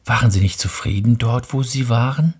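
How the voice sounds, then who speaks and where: A man softly voicing a gentle boy prince. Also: mid-range voice, moderate pace, breathy edge, pitched above the performer's own voice. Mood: earnest.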